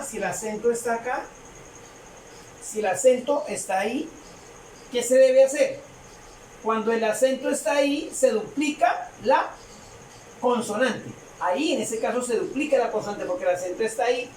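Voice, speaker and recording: A woman explaining a grammar rule to a class, halting often with fillers and repeating her phrases. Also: a little high, darkish tone. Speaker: English teacher. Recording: echoey room, distant mic, faint noise.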